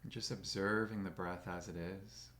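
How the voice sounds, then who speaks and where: A man leading a guided meditation, speaking slowly and gently in a soothing way. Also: sits low, steady tone.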